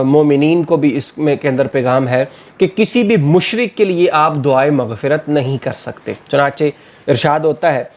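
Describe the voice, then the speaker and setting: A male scholar gives a religious lecture, reciting verses in a slow measured chant and then explaining them plainly. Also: a little high. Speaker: Islamic scholar. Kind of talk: religious lecture summarizing scripture.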